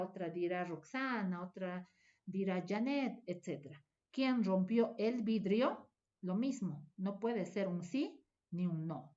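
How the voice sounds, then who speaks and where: A woman teacher explaining a grammar lesson in a measured, step-by-step classroom manner. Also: medium pitch, a little mellow, muffled recording.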